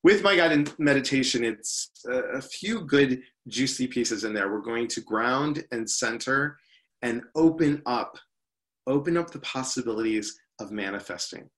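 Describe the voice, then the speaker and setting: A man's voice: mid-range voice, lively intonation, measured pace, a bit bright. A man speaking as an interview guest, an upbeat workshop leader who often says "you know".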